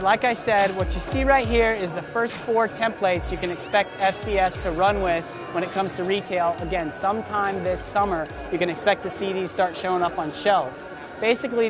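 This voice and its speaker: A young man in his twenties hosting an enthusiastic, salesy product demo at a busy indoor expo booth, talking close to the camera. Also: high voice. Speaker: surf shop host. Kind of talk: trade show product demo.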